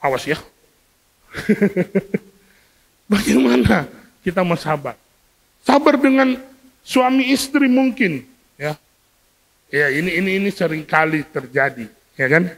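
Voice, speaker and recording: A man preaching a sermon to a congregation, lively and questioning, acting out everyday scenes to make his point. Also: sits high, slow pace, vocal fry, pauses often. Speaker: pastor. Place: church hall. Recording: long hall reverb from a church.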